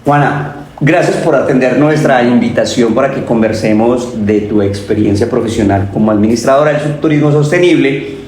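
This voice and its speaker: A man's voice: mid-range voice, moderate pace, a little mellow, slight background noise. A man with a Colombian accent from Pereira hosting a conversational podcast interview as a university dean, friendly and affirming with short interjections. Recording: echoey room with faint ambience.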